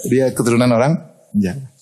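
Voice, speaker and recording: A man giving a lively sermon, telling stories in an animated way and laughing often. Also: mid-range voice, brisk, slightly rough. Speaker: preacher.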